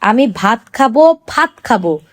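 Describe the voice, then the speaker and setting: A woman's voice: fairly high pitch, very animated, measured pace. A woman voicing a sick, half-deaf young husband who petulantly keeps repeating his demands.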